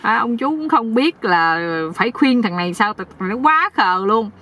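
A woman telling a comic folk tale, lively and speaking straight to her audience. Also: fairly high pitch, normal speed, recorded from a distance. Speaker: storyteller.

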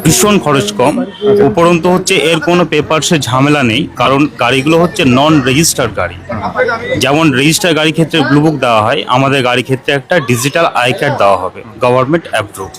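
A man's voice: mid-range voice, fast talker. A man explaining a product in an interview as a sales representative, mixing in English business terms. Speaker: company sales and marketing representative. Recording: crowd chatter around speaker.

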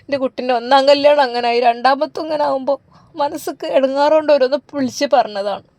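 A woman's voice: fast talker, darkish tone, no room sound, close to an everyday voice. A woman voicing a tearful Malabar mother. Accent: Malabar Malayalam. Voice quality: high, pleading, crying. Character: tearful worried middle-aged mother. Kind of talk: storybook narration.

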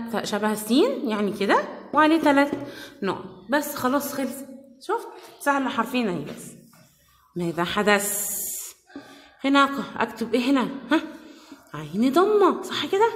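Egyptian woman teacher, kindergarten phonics, high animated sing-song voice, roomy echo. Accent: Egyptian Arabic. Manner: slow, sing-song drilling of sounds and words. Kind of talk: recorded phonics lesson for young children. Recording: echoey room with long reverb.

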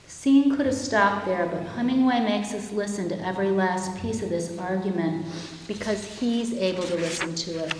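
A woman in her fifties gives a keynote lecture, reading measured and reflective prose from pages at a lectern microphone in a chapel-like hall. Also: medium pitch, slight background noise. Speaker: keynote speaker. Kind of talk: reading a prepared lecture aloud. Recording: echoey room with long hall reverb.

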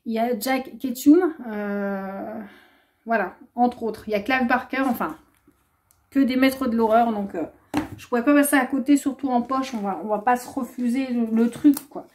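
Chatty woman, mellow voice. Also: on the high side, moderate pace. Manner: chatty, rambling, many filler "euh"s. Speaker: booktuber. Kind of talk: casual book haul vlog.

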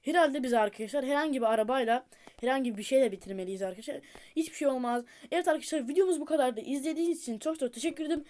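A woman's voice: high-pitched, very fast, darkish tone. A woman giving casual gameplay commentary to her viewers, repeating urgent pleas and cheers as she plays. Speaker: gameplay streamer.

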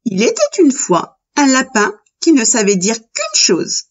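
A woman narrating a children's audiobook with expressive storytelling. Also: sits high, measured pace, husky, lo-fi sound.

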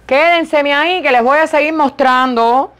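A woman with a loud, high voice, chatting playfully and joking about herself while she models clothes in a boutique for a vlog. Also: a little slow, a little hiss or hum. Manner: playful, joking, self-mocking.

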